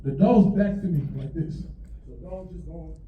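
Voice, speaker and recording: A man's voice: fairly high pitch, moderate pace, roomy sound, distant mic, phone-quality sound. A young man doing stand-up storytelling on a comedy stage and acting out the voices of the people and animals in his story. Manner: animated, acts out voices of grandma and dogs. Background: audience laughter.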